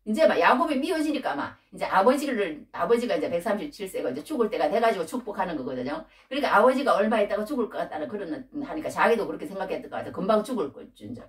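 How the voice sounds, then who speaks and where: A woman preaching a sermon in a lively, conversational way, asking her listeners rhetorical questions. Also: mid-range voice, rapid-fire, hardly any pauses. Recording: echoey room, mic at a distance.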